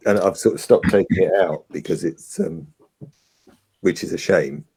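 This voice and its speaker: Very gravelly, husky low-voiced man. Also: very animated, normal speed, dark tone, rough recording. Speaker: guest on an online show. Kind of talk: casual chat.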